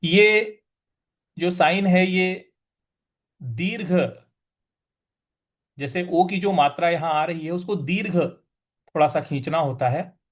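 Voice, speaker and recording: A man with a fairly high voice leads a recitation lesson. He explains each syllable patiently and chants the words at an extremely slow, drawn-out pace. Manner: patient, explains stress then chants each word slowly. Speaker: teacher of Gita recitation.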